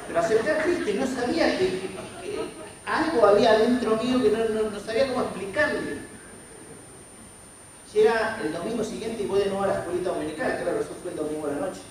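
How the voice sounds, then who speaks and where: A man's voice: high-pitched, fast, crowd noise. A man in his forties with an Argentine accent, preaching a sermon as a personal testimony and voicing the people in his story. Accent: Argentine Spanish. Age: 40s. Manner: storytelling with acted quotes of others. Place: church sanctuary. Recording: very echoey church hall from far off, faint noise.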